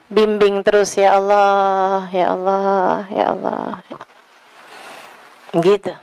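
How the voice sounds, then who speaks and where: Woman preacher, high voice, lively sermon storyteller, dry intimate recording. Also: clear, resonant tone, dry recording, poor audio. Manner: lively storytelling, acts out voices in quotes, drops to hushed tones. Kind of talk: Islamic sermon.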